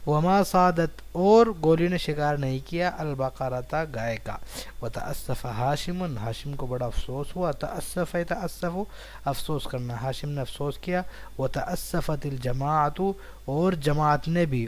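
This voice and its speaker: A man from India talks through an Arabic reading lesson in Urdu, with a voice sitting a little high for a man. He says each Arabic word slowly and deliberately, then glosses it and repeats it. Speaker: Arabic teacher.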